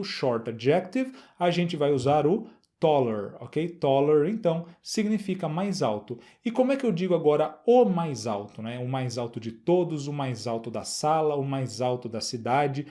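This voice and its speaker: A middle-aged man with a Brazilian Portuguese accent, explaining an English grammar exercise as a teacher, repeating words slowly and checking in with the class. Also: on the high side, warm tone.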